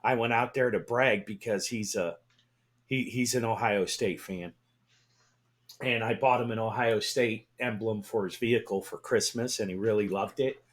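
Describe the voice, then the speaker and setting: A man co-hosting a casual sports talk radio show, excitable and swearing, often repeating himself. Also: fairly low pitch, moderate pace.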